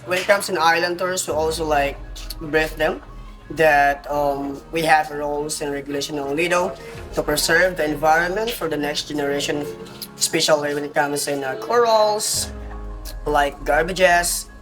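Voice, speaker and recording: A man's voice: a little high, steady tone, moderate pace, rough recording. Young guy tour guide talking in simple english, music playing under him. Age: 20s. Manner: simple, non-native English phrasing. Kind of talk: interview answers.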